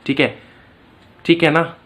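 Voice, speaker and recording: A man's voice: on the high side, level tone, slow pace, fairly bright tone. A man teaching an exam-prep lecture casually, chatting and telling stories as he explains. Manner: chatty, storytelling, calls students "beta".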